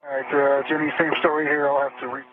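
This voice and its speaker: A man's voice: mid-range voice, flat delivery, fast, no echo. A man speaking in terse, clipped calls as an astronaut over a crackly space-to-ground radio link. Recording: tinny radio transmission with hiss.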